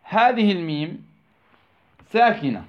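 A man's voice: high-pitched, sing-song. A man teaching tajweed, drawing out words and asking rhetorical questions that he answers himself, repeating key terms. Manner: slow, drawn-out phrasing. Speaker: Quran recitation teacher. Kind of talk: tajweed lesson, explaining verses of a poem. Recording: tinny phone-like recording.

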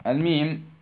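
A man's voice: a little high, creaky. A man teaching tajweed, drawing out words and asking rhetorical questions that he answers himself, repeating key terms. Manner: slow, drawn-out phrasing. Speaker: Quran recitation teacher. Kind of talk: tajweed lesson, explaining verses of a poem. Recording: tinny phone-like recording.

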